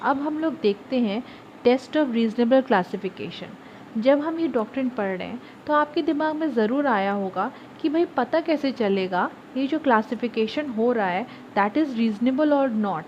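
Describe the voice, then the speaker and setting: A woman's voice: fairly high pitch, expressive, unhurried. A young woman giving a law lecture to her viewers, explaining step by step and switching between Hindi and English legal terms. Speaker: law teacher. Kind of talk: online lecture. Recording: slightly dull audio with faint background noise.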